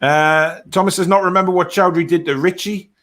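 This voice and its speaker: This football fan live stream host has a high, fairly bright voice that stays steady as he talks briskly. In a casual chat, he reads out comments from viewers and responds in a blunt, no-nonsense way.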